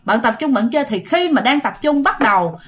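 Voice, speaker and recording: Her voice is high, expressive and fairly quick as she tells a ghost story in a relaxed, talkative manner. She has a Southern Vietnamese accent, talks right to her listeners, and dramatizes the shouting in the tale.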